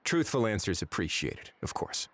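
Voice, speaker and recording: An actor playing a calm, shrewd official in a video game, politely probing and dryly ironic. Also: male voice, fairly low pitch, normal speed. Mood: probing, controlled. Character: calm, shrewd male palace official, quietly menacing questioner.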